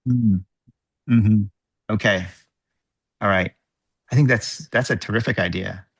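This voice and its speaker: A man chairing an online work group meeting, thinking aloud in a halting, measured way over a video call microphone. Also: lowish voice, slightly rough.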